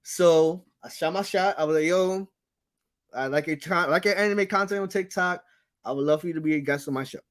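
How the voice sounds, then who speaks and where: A man's voice: a little high, brisk. A man hosting a show in playful, slangy, casual talk, repeating phrases for emphasis. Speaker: show host. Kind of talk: casual chat, animated storytelling.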